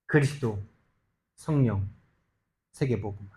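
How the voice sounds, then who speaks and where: A male pastor preaching a sermon, emphatic and full of rhetorical questions, swinging between loud urgent stretches and soft low asides. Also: a little slow. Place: church sanctuary.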